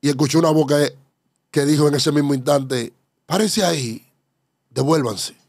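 Dominican guy telling his testimony all fired up, raspy and a bit high pitched. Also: moderate pace, a little mellow, dry recording, studio quality. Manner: fervent, keeps exclaiming about faith and addressing the host. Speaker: guest giving a testimony.

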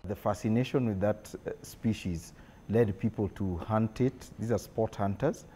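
Low voiced guy, mellow, explaining stuff in an interview, kinda halting, some background noise. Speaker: conservation expert interviewee. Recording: noticeable ambient background noise.

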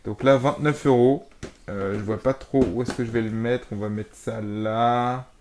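A man's voice: mid-range voice, steady tone, measured pace, a little mellow, a little hiss or hum. Hesitant young man rambling to camera. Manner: rambling, hesitant, lots of fillers; moving around handling boxes while talking. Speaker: gaming vlogger. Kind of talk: casual video haul. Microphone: camera mic.

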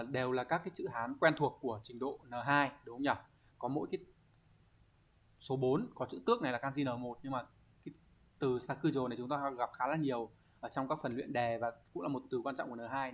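A man's voice: medium pitch, fairly quick. Patient man teaching Japanese vocabulary. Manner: patient, explanatory, frequent check-in questions. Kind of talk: explaining exam answers.

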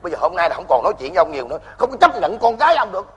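A loud, pompous in-law, played by a man, firing off blunt remarks at a rapid clip. His voice is high, bright and sharp, and it swings up and down. It rings out with long reverb in a stage hall. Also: sing-song, lo-fi sound. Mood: accusing. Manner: loud, blunt, fast-talking. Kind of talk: stage comedy sketch.

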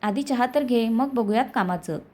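A woman voicing a stubborn, upset young woman facing a marriage match, in a lower, subdued tone. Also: normal speed, a little mellow, close to an everyday voice. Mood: subdued, irritated.

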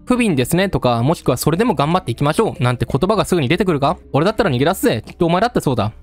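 Male streamer doing a coarse, menacing storyteller, fast and lively. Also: fairly high pitch, soft background music. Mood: taunting. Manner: gruff, coarse street speech, addressing the listener directly. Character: rough-talking male storyteller, menacing and taunting. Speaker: game let's-play narrator.

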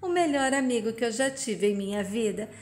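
A woman's voice: fairly high pitch, animated, brisk, darkish tone. A woman voicing a tearful grieving widow. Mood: sorrowful. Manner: tearful, pleading, emotional.

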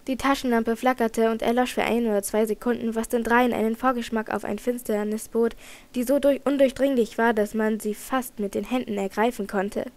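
A woman reading a children's adventure novel aloud in even narration, with occasional slips she corrects. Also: on the high side, a little fast. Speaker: audiobook reader.

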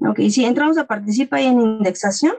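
A woman's voice: a little high, quick pace, darkish tone. A woman teaching an online class over a video call, patiently explaining each step. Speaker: class instructor.

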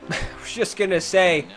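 A man's voice: high-pitched, a little slow, fairly bright tone, faint music behind. A young man giving casual gameplay commentary as a video host, reacting aloud to plays and complaining in exasperation. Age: young adult.

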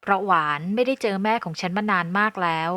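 A woman narrating a first-person audio novel in a calm, even storytelling voice. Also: mid-range voice, fast, no echo.

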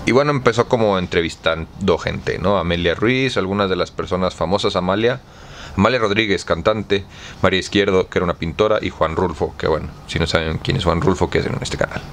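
A man's voice: deep voice, fairly quick, a bit bright, a little hiss or hum. A man with a Mexican accent, casually commenting on a book with lots of slang and an irreverent tone. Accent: Mexican Spanish. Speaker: book club host.

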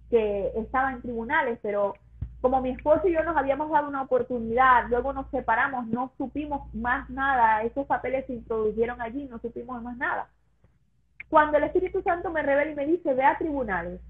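A woman giving an emotional religious testimony to a pastor, her voice rising high when she is moved. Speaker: guest sharing her testimony. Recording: tinny phone-like line.

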